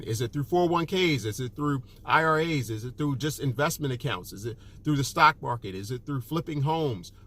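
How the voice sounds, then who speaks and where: A man's voice: mid-range voice, a bit bright. A man, a personal finance author, giving direct advice to the camera, emphatic and repeating his key points with frequent "okay" and "look".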